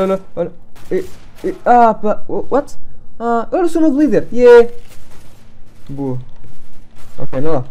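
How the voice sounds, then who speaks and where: Brief: young man, European Portuguese accent, gameplay commentary, warm dark tone, bursts of repeated words, gunfire behind. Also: on the high side. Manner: excitable, repeats words in bursts, self-mocking. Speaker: gaming youtuber. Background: gunfire from the game.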